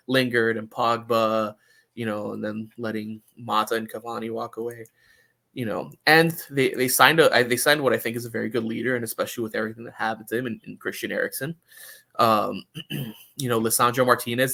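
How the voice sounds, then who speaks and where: This podcast pundit's voice is medium in pitch, gravelly, pushed, and bright. He discusses soccer in a relaxed way, halting often and repeating words while qualifying his views.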